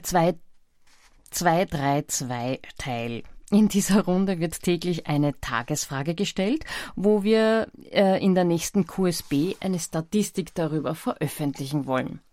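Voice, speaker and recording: A woman with an Austrian accent presenting an amateur radio bulletin, reading club news in an informal, somewhat halting way. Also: lowish voice, darkish tone, dry recording, clean studio sound.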